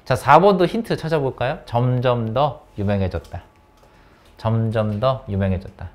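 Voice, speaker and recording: Calling on students by name, a man asks question after question during an English grammar class at an academy, speaking English in a lively, coaxing style. His pitch is medium and his speed normal.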